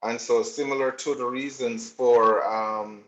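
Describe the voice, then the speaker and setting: A man's voice: medium pitch, steady tone, measured pace, fairly bright tone. A man giving a technical presentation, explaining steadily with frequent filler ums. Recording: roomy, slightly dull recording.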